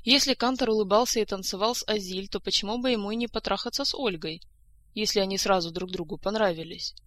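A weary female doctor with a sharp tongue, voiced by a woman reading aloud. She grumbles in an exasperated way and wants everyone out. The reading has a mid-range pitch. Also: fast talker, close to an everyday voice. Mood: grumbling.

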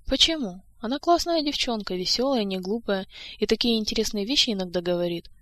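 A woman reading the part of a lively, outspoken young heroine, sounding eager and easily indignant. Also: medium pitch, brisk, no room sound, lightly acted. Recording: dry close-mic studio sound.

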